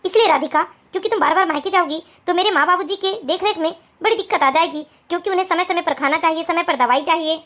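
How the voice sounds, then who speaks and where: A steady, dutiful young husband from an animated family story, as a woman puts him on, calm and firm. The put-on voice is lowered yet still high and bright. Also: fast, hardly any pauses.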